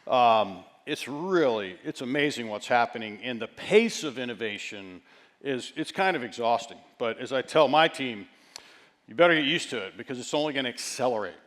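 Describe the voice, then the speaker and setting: A man giving a keynote presentation as a chief executive, speaking in deliberate, broken phrases with emphatic stresses. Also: mid-range voice, expressive, fairly bright tone.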